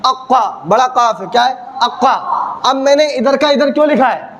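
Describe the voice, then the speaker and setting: A man's voice: very high voice, brisk, highs cut off, slight background noise. A man teaching a recitation lesson, drilling with repeated questions and answers and exaggerating heavy and thin sounds to show the difference. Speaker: religious teacher.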